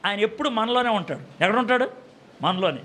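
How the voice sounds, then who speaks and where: High-pitched, bright-voiced man preaching. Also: expressive, a little fast. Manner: asks the audience questions and answers them; acts out short voices for a story with humor. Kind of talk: sermon.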